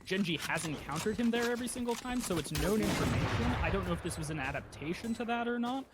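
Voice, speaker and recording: High-voiced animated esports analyst. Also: male voice, quick pace, very noisy. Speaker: esports caster. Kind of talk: color commentary.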